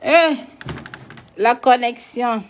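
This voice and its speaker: A woman's voice: a little high, very slow, soft background music. A woman hosting a late-night live stream, agitated and complaining as she talks to her viewers. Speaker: livestream host.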